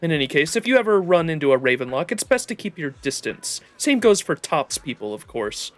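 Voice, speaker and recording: A man's voice: a little high, big pitch swings, a little fast, fairly bright tone. Guy doing a cynical collector from a game, formal n knowing, voice moves around a lot, faint music. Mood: wary, knowing. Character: worldly, cynical collector wary of high society. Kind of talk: reading story-game dialogue aloud.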